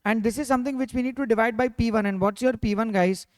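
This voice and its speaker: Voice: medium pitch, quick pace, no room sound. A finance teacher with an Indian accent giving an interactive revision lecture, constantly prompting students with questions and dropping in the odd Hindi interjection.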